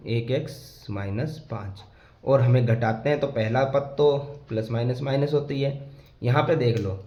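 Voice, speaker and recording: Guy teaching maths step by step, asks the kids stuff then answers it, mid pitch, roomy echo. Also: a little mellow. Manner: asks pupils rhetorical questions, then answers them; patient, repeats rules and warnings. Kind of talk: step-by-step classroom explanation. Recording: echoey room.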